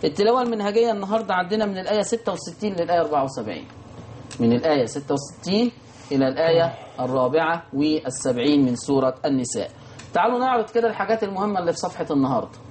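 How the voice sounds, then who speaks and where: A man with an Egyptian Arabic accent teaching Quran recitation rules, answering imagined student questions and chanting verses slowly. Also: on the high side, lively intonation, a little mellow, slight background noise. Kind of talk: televised recitation lesson.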